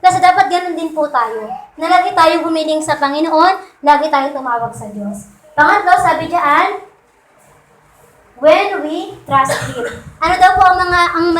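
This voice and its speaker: A woman's voice: sits high, animated, normal speed, slight background noise. A woman preaching a Sunday sermon in a conversational way, often asking her listeners to agree and mixing English phrases into her talk. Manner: mixes English phrases into Tagalog. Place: church. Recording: echoey church hall.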